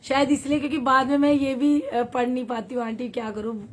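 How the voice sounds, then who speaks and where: Chatty woman from Haryana, fairly high voice. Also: flat delivery, fairly quick, slight background noise. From Haryana, India. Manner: chatty, warm, laughs often, reads viewer comments aloud. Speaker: satsang leader on a livestream. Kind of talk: devotional storytelling and live chat.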